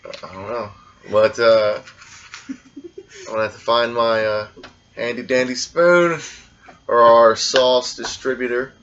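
A man's voice: medium pitch, steady tone, slow pace, long pauses, fairly bright tone. Easygoing man on a lo-fi recording. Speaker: food vlogger. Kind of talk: casual taste-test chat.

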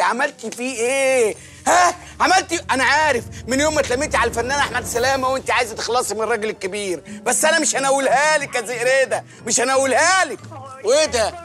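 A whiny, sing-song grown son. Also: male voice, extremely high pitch, pushed and bright. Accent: Egyptian Arabic. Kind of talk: Egyptian film comedy acting.

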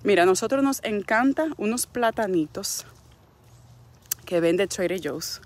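A middle-aged woman from the Dominican Republic, speaking with a Dominican Spanish accent, gives a frank, preachy, faith-based motivational talk as a wellness coach. Her medium-pitched voice is animated and a little slow.

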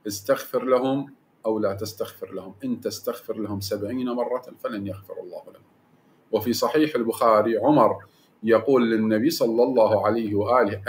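A man's voice: fairly low pitch, slight background noise. A man arguing in a heated religious debate, insistent and repeating himself to hold the floor. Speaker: debate panelist.

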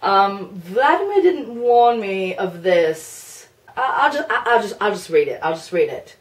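A woman's voice: medium pitch, sing-song, a little slow, far from the mic. A woman playing England, a prickly young male nation personified, in a chatty, explanatory cosplay Q&A. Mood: flustered. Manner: chatty, explanatory, a bit flustered, laughs often. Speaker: cosplayer answering viewer questions. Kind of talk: in-character cosplay Q&A.

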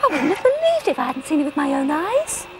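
A woman's voice: high voice, very animated, fast talker, very noisy. A woman playing a kindly, encouraging children's show character.

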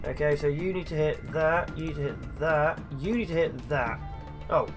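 Over music, a young man with a voice on the high side narrates his gameplay at a normal pace. He's hosting a let's play, joking and chatting away to himself.

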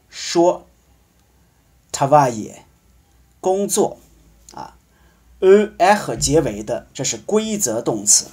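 A man leads a language lesson, patiently spelling out endings and stretching each example word. His voice is slightly husky and sits a little high, and it rises and falls a lot as he talks. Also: darkish tone. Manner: slow, patient explaining with drawn-out example words. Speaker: French teacher.

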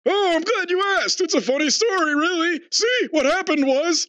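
A man's voice: extremely high pitch, animated, moderate pace, bright, forceful tone, full character voice. A man voicing a brash, demanding old wizard who declaims indignantly in a cartoon parody. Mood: chatty.

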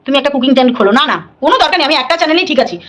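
A woman's voice: sits high, expressive, rapid-fire, a bit bright. A middle-aged woman, hosting a live stream, scolding and defiant, repeating her points.

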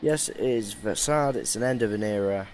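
A man's voice: fairly low pitch, moderate pace, darkish tone, a little hiss or hum. A young man giving casual, rambling commentary over a mining game, tired and joking at his own expense. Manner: rambling, self-mocking, chatty. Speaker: gaming YouTuber.

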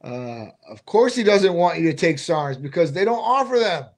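A man's voice: sits high, big pitch swings, moderate pace, background noise. A man who owns a clinic and co-hosts a live question-and-answer show, speaking bluntly and casually into a desk mic. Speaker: clinic owner, co-host. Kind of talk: live Q&A chat. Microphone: desk microphone.

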